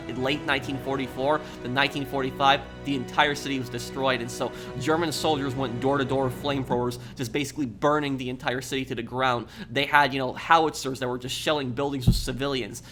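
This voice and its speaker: His voice sits in the mid range with a fairly bright tone. An American native English speaker, he kicks off a playthrough as a gaming YouTuber, casually and earnestly explaining what's going on.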